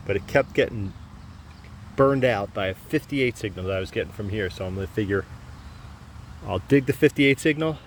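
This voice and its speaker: A man casually narrating a metal detecting vlog outdoors, thinking aloud a little hesitantly as he goes. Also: fairly low pitch. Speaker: metal detecting hobbyist showing finds. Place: outdoors in a field or yard. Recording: clear outdoor background noise.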